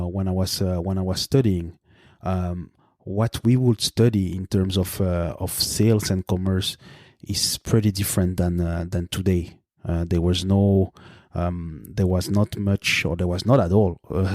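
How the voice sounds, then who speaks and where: A man in his late thirties from Belgium, a native French speaker with a Belgian French accent, hosting a solo podcast in a measured way with frequent fillers and restarts. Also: low-pitched, darkish tone, no echo, studio quality. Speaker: podcast host.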